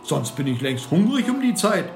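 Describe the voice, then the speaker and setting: A man's voice: fairly low pitch, big pitch swings, brisk, pitched below the performer's own voice. A man voicing bellowing, hungry village boys in a storybook, over guitar music in a roomy recording. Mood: bewildered.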